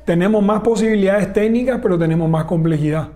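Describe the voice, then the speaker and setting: A man's voice: sits high, quick pace, mellow. A man, a telecom executive in a business interview, laying out his points one by one. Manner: explains point by point, enumerating pillars.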